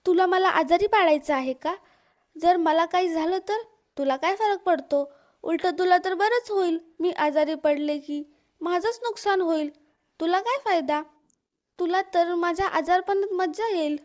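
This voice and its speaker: A scolding young sister-in-law from a storybook, read out by a woman. She accuses and taunts, her voice pitched very high. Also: moderate pace.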